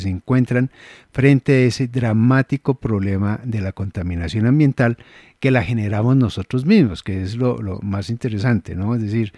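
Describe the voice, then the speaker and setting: A man's voice: medium pitch, warm tone, dry recording, studio quality. A man with a Colombian Spanish accent hosting a radio interview conversationally, discursive and often addressing the listener directly.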